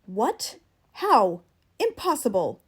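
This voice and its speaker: A woman's voice: on the high side, brisk, warm tone, close to an everyday voice. A woman with a standard American accent voicing a worried, practical husband in an audiobook, urgent and insistent. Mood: shocked. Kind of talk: audiobook character dialogue.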